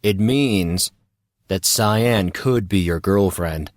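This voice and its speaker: In a dry, studio-quality recording, a man with a low voice speaks slowly as an earnest, indignant teenage boy in an audio drama. The character interrogates someone pompously while trying to sound dignified.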